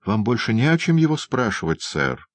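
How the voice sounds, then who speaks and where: Чтец изображает строгого тюремщика. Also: male voice, mid-range voice, sing-song, normal speed, no echo, voice pushed up. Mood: firm. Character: stern male jailer, firm and brisk. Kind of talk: audiobook character voice.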